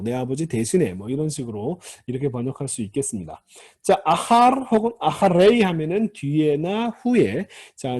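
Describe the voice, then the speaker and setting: A male lecturer with a lively, rising-and-falling delivery, taking students through a grammar lesson one term at a time. His voice sits a bit high yet sounds mellow and slightly husky. He repeats key words and opens each new point with a brief cue. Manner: patient, repeats key terms, starts points with "자". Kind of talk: recorded classroom lecture.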